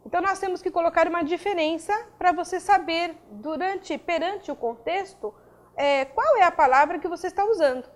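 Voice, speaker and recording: A woman's voice: extremely high pitch, normal speed. A woman teaching a recorded grammar lesson, spelling out rules and checking in with listeners as she goes. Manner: didactic, checks in with frequent tags.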